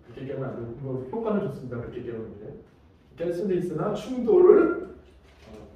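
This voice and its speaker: A man giving a safety training lecture, telling lively stories and acting out examples. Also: medium pitch, a little fast, dull audio, slight background noise. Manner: lively storytelling with acted-out examples. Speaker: safety instructor. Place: large lecture room. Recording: echoey hall, mic far off.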